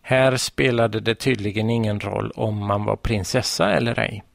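A man calmly reading a children's story aloud as narrator. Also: on the low side, gravelly, no echo, studio quality. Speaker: story reader.

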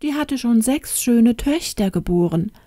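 A woman voicing an old hen in a fairy tale reading, pleading at first and then confiding in a gossipy, sometimes hushed way. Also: on the high side, animated, unhurried, no echo, clean studio sound, voice pushed up. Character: old hen, pleading then chatty nurse who tells secrets.

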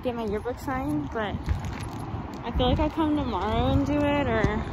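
A woman's voice: high-pitched, moderate pace. A young woman in her late teens chatting casually and rambling to her vlog. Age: late teens, young adult. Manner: rambling, with frequent "like" and "you know". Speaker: student vlogger. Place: outdoors walking, then inside a parked or moving car. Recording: distant mic, loud car and outdoor noise.

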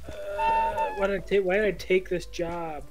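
A woman's voice: mid-range voice, wildly swooping pitch, normal speed, over loud music. A young woman chatting offhandedly during a game. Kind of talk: casual gaming chat.

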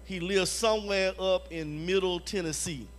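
A man's voice: high voice, fairly even intonation, moderate pace, slight background noise. A man preaching to a church conference audience, emphatic and repetitive, often asking them for an amen. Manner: emphatic, repeats phrases, calls for "Amen?" from the audience. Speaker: conference evangelism leader. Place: church hall before a live audience.

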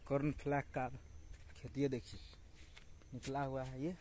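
A young man from Bihar, India, with a Bihari accent, walks his vlog audience through open fields, casually and repetitively pointing things out. His mellow, medium-pitched voice stays level at a moderate pace, and the phone recording carries clear rural ambience.

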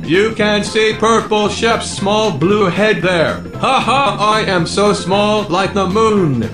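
A man voicing a slow, dopey purple sheep. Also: high voice, roomy sound, music in the background. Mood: silly. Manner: slow, talks of himself in third person. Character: naive cheerful childlike purple sheep. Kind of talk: gaming video banter.

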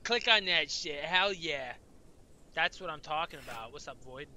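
Slightly high, pushed and bright, with lively intonation and a moderate pace, this streamer's voice comes through slight background noise. He sounds tired and yawns as he rambles to his viewers, cursing frequently during the game.

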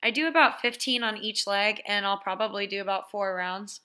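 A woman's voice: mid-range voice, normal speed, over loud music. Chatty young woman explaining gym exercises. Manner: relaxed, chatty instruction with "basically" and "so". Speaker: fitness vlogger. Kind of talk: casual workout walkthrough voice-over.

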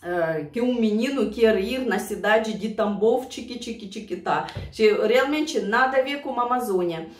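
Her fairly high voice moves at normal speed with few pauses as she, a Russian-accented Siberian who vlogs reactions to songs, fondly chats with viewers about the past. She's emotional and laughs frequently. The mic is distant, and the room sounds roomy.

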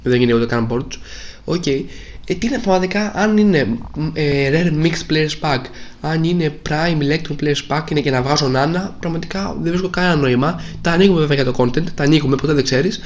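Young man, fairly high voice, casual game commentary, grumbling, repeats himself, a little hoarse. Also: a little hiss or hum. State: slightly hoarse. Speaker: gaming video creator.

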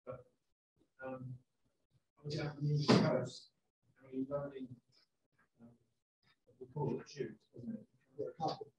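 A man from the audience, asking a question and telling a halting, rambling anecdote about his time at sea. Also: a little high, flat delivery, darkish tone. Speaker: audience member. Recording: noisy, roomy audio.

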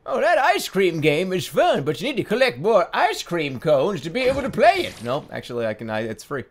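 Male gaming streamer, comedic commentary, incredulous, slightly high voice, very animated intonation. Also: brisk. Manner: incredulous, exasperated, sweary.

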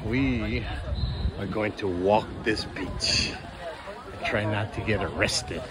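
A man's voice: lowish voice, slow, a loud crowd. A man narrating a walking tour of a beach for his travel vlog, easygoing and chuckling, marveling at the view. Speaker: travel vlogger. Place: outdoors on a tropical beach. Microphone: phone camera held while walking. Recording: outdoor wind and water noise.

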